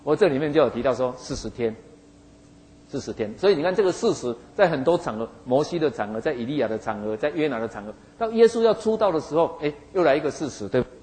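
A man's voice: mid-range voice, lively intonation, quick pace, a little mellow, low-quality recording. A man preaching, retelling a Bible story in a folksy way and acting out the figures in it. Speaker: pastor.

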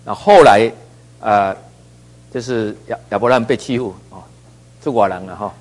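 A middle-aged man leading a Bible study, reading scripture slowly and then explaining it in a chatty way full of fillers. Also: on the low side, a little mellow. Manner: conversational, with many fillers and a tagged "哈".

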